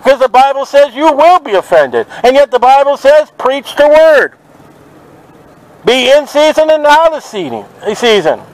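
A man preaching outdoors at a market, forceful and confrontational, quoting scripture to passers-by. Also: extremely high pitch, big pitch swings, unhurried, dry recording, low-quality recording. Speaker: street preacher. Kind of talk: open-air street preaching. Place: outdoors at a city market by traffic.

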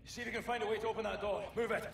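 A gruff soldier giving orders. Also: male voice, high voice, fairly even intonation, very fast, far from the mic. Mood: commanding. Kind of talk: video game dialogue. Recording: roomy game audio, loud noise.

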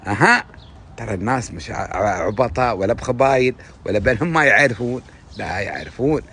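A man with an Emirati accent talking casually to his audience, giving rambling, preachy advice that jumps up in pitch and loudness. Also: expressive, a little fast, a little hiss or hum. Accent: Emirati Gulf Arabic. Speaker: social media host.

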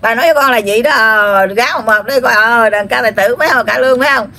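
A woman with a Southern Vietnamese accent, speaking in trance as a grandmother spirit in a scolding, rambling, repetitive way full of drawn-out fillers. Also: a little high, pushed and bright. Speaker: spirit medium.

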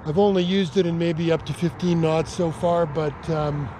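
A man's voice: fairly high pitch, a little hiss or hum, rough recording. A middle-aged man casually showing off a homemade build outdoors on a frozen lake, talking into a nearby action camera with lots of fillers and restarts. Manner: relaxed, halting, many fillers and restarts. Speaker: DIY vlogger. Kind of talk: casual show-and-tell vlog. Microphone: action camera held close or mounted nearby.

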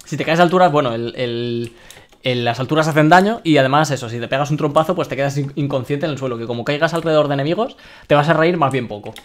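A young man from Spain chatting excitedly while streaming a game and reading his chat aloud. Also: a little high, quick pace. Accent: Spain Spanish. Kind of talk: live-streamed gameplay commentary.

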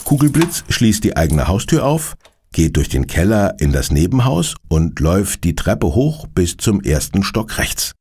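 Brief: male narrator for a children's audio drama, gravelly voice, lively tone. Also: deep voice, unhurried. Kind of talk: scripted storytelling for children.

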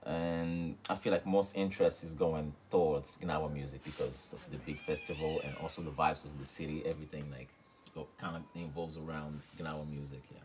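Speaking a little fast, a young rapper from Morocco relaxes into a casual interview, his extremely low voice peppered with fillers and soft laughter. A phone held close picks him up in a small reed-paneled room, a faint hiss in the background.

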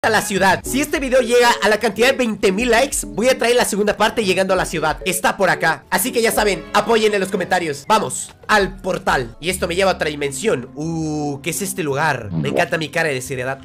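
Young male streamer, loud and excitable, jokey let's-play host. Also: high-pitched, fairly quick, hardly any pauses, faint music behind. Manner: loud, excitable, jokey, shouts and laughs a lot. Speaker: gaming streamer.

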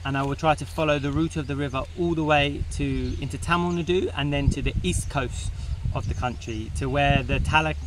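A man in his thirties, a foreign walker on a long trek, talking in a casual roadside interview outdoors, halting with many fillers. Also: a little high, steady tone, noisy background. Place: outdoors on a rural road.

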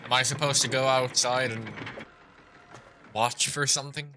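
A man's voice: mid-range voice, steady tone, normal speed, sharp tone, slight background noise. A young man commenting on his gameplay live from a small room, rambling and confused, stumbling over repeated words. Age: young adult. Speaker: streamer. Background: game music.

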